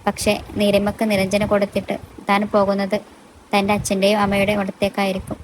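A woman narrating a romantic story in a steady, even reading voice. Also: medium pitch, quick pace, a little hiss or hum, poor audio.

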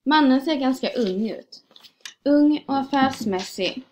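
A woman reading a short story aloud in a calm, measured way. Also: sits high, heavy background noise. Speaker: reader. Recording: dull lo-fi recording.

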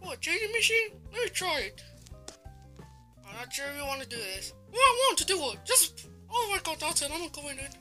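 A woman voicing a vain, excitable male cartoon mouse who squeals and shows off. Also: high-pitched, rapid-fire, hardly any pauses, faint music behind. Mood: eager. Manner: squealing, shrieking, show-off. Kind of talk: hobby character voicing.

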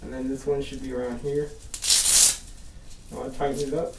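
A man's voice: mid-range voice, level tone, a little fast, very noisy. A young man casually reviewing an airsoft mask indoors, his voice muffled by the balaclava and mask he is wearing. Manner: casual, rambling, mild swearing. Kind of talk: casual gear review vlog. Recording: roomy, distant camera audio.

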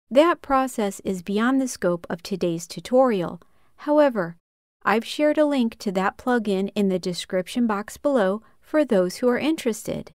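Calm woman giving a software tutorial. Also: medium pitch, no echo, clean studio sound. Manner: calm, measured, step-by-step instruction. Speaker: tutorial host.

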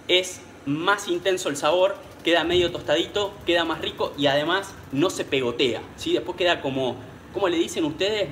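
A man's voice: fairly high pitch, a bit bright, roomy sound, slight background noise. Chatty Rioplatense man cooking live. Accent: Rioplatense Spanish. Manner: chatty, greets viewers by name, speaks as he cooks. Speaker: cooking channel host. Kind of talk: live-streamed cooking demonstration. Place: small home kitchen.

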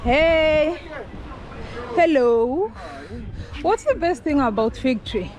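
A woman's voice: high voice, big pitch swings, slow, darkish tone, a faint crowd. A woman travel vlogger chatting casually and asking locals questions while out and about. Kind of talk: casual travel chat and street interview. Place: outdoors and on the road. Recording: noisy outdoor street ambience.

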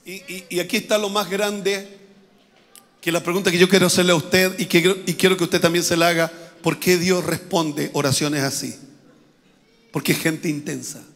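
A male pastor, preaching a fervent sermon that keeps repeating and building to shouts. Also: sits high, steady tone, normal speed, big-room sound. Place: church.

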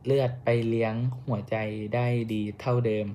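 A young Thai man reading a class report on a medical topic, careful and steady, with small slips and restarts. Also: mid-range voice, normal speed, a little hiss or hum. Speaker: student presenter.

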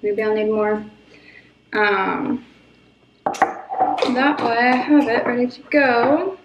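A lifestyle vlogger in her twenties chats casually to camera at home in her apartment, rambling and self-deprecating with plenty of ums and likes. Her voice is a little high and slow, with the highs cut off and heavy background noise.

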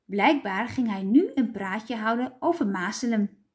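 A woman teacher reading a children's storybook aloud with clear, expressive storytelling. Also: on the high side, unhurried.

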